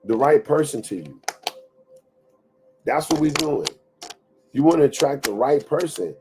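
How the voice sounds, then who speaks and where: A man's voice: fairly high pitch, lively intonation, a little slow, background noise. A man in his thirties hosting a motivational talk. His delivery is preachy and conversational, and he repeats phrases for emphasis. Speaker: show host.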